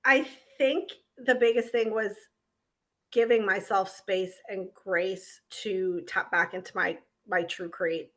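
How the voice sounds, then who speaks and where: A woman in her forties, a life coach guest on a podcast, talking in a warm, halting way and laughing easily. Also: lowish voice. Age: 40s. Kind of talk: interview chat.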